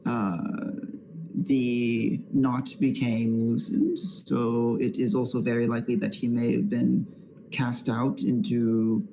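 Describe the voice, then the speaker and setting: A man voicing a slow, formal island queen. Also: mid-range voice, little pitch movement, gravelly, noisy background. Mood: measured. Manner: formal, measured, hesitant. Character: formal, measured queen of a dragon isle.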